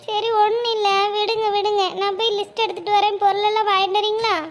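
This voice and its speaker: A woman voicing a sad, tender young wife in a cartoon, talking softly and pleadingly. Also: very high voice, flat delivery, quick pace. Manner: soft, pleading, sighing.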